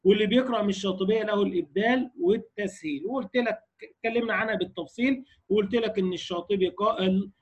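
Egyptian male recitation teacher, high voice, explains step by step and keeps checking that students follow. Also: very fast, husky, dull audio. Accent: Egyptian Arabic. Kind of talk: lecture on recitation variants.

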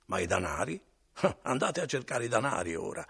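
A man voicing a boastful, rowdy drunk young peasant, slurring and shouting in a high, loud voice. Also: very animated, moderate pace, vocal fry, slightly rough, full character voice. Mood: sleepy drunk.

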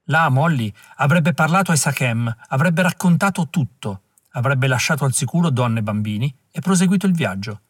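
Husky male audiobook narrator. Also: medium pitch, animated, dry recording, clean studio sound. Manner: measured, dramatic reading. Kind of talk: scripted narration.

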